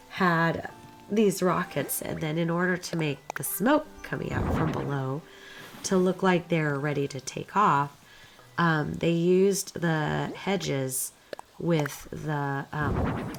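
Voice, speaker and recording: Woman, low voice, hoarse smoker's rasp, fry-heavy, casual gameplay commentary, rambling and informal, light background music. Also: expressive, takes it slowly. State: hoarse from a recent illness. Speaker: video creator narrating game footage.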